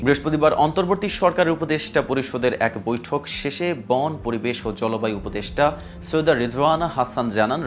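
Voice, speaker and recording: Over a music bed, a man with a Bangladeshi accent presents scripted news in a formal, measured newsreader style, his voice at medium pitch.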